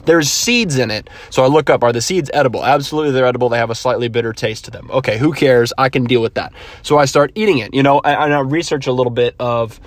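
A man's voice: medium pitch, quick pace, no echo. Rambling man podcasting from a car. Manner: rambling, thinking aloud, self-correcting. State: slightly stuffy after illness. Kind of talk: casual solo monologue. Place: car, while driving.

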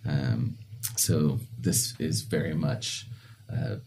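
A deep-voiced American man with a warm, mellow tone hosts a podcast. He talks conversationally and picks his words with some thoughtful hesitation. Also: steady tone, very slow, creaky, slight background noise. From rural Indiana, USA. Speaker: podcast host, communication professor.

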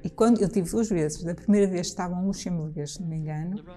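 A woman from northern Portugal speaks in a low-set voice, stopping and restarting her phrases as she answers an interviewer. Music plays clearly underneath her talk. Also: mellow. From Trás-os-Montes, Portugal. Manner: halting, many restarts and repeated words. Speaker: jazz singer.

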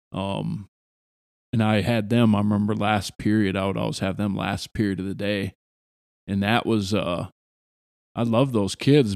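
A man who hosts a podcast and used to teach, talking in a loud, direct and sarcastic way. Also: fairly low pitch, no echo, studio quality. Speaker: podcast host, former teacher. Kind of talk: casual conversation.

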